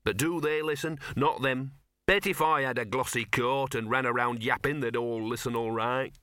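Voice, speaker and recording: Here a man voices an audiobook's sullen little bow-legged talking dog, grumbling, muttering and whining with self-pity in colloquial slang, full of aggrieved sulkiness. His medium-pitched voice has lively intonation and a sharp tone at normal speed, recorded at studio quality with no room sound.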